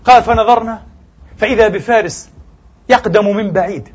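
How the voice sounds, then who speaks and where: A male preacher delivers a Friday sermon, calling the congregation brothers and sisters, his emphatic voice rising and falling sharply. He speaks fairly quickly in a high-pitched voice with a breathy edge. The highs are cut off in the recording.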